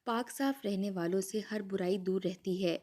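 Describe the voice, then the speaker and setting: Caring anxious mother, gentle and reassuring, warm low tone, read by a woman storyteller. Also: natural voice. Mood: worried, reassuring. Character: caring, anxious mother soothing her daughter.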